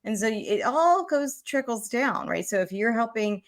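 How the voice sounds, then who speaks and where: A woman's voice: fairly high pitch, lively intonation, a little slow. A woman hosting a podcast, chatting in an upbeat way with her guest. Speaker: podcast host. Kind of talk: casual interview talk.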